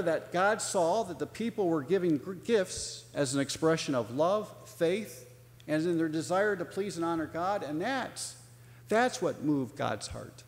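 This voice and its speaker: A male pastor preaching a sermon, telling a story and voicing its people in a livelier tone. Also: fairly high pitch. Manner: storytelling, acts out dialogue in a raised voice. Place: church sanctuary. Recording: long church reverb.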